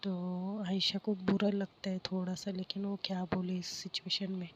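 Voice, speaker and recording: Woman storyteller, chatty and loose, flat delivery, muffled home mic with faint crying. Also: mid-range voice, normal speed, slight background noise. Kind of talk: casual spoken storytelling.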